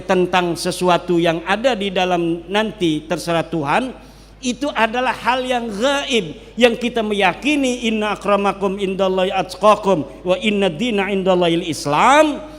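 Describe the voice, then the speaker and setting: Man, cleric lecturing in a large hall, high voice, joking, long hall echo. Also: unhurried. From Banten, Indonesia. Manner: joking, lively, drops into regional dialects. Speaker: Islamic cleric speaking at a public gathering. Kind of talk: public religious lecture.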